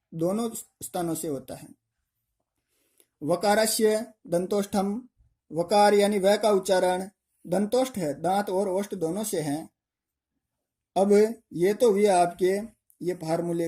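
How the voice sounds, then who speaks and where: A male teacher gives an exam-prep lesson in a mellow, darker voice. He works through each point step by step. He often asks a question and then answers it himself. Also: high voice. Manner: explains step by step, asking and answering his own questions.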